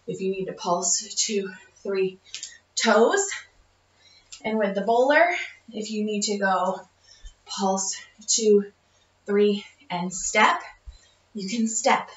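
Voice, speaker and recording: A woman's voice: mid-range voice, slow, pauses often, slight background noise. Breathless woman counting home workout reps. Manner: counts reps aloud, encouraging, laughs between cues. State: short of breath. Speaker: fitness instructor. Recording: dull, roomy audio from a distant camera.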